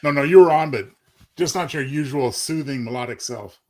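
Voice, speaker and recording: This man, a short story writer co-hosting a live broadcast, speaks about his writing politely, with a somewhat formal but friendly, chatty air. His voice is medium-pitched with a darkish tone, and he talks fairly quickly.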